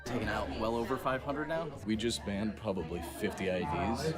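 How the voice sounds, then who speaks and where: Low-voiced technician over loud music. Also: male voice, animated, a little fast. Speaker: software support technician. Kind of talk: explaining technical steps.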